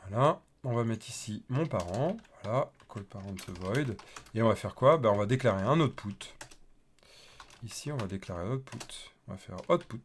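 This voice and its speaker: A man with a fairly low voice talks through a live coding tutorial in a loose, chatty way. He thinks aloud and fills pauses with hesitations while he types. A faint hiss and keyboard clicks sit under his voice. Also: lively intonation. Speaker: developer teaching a coding livestream.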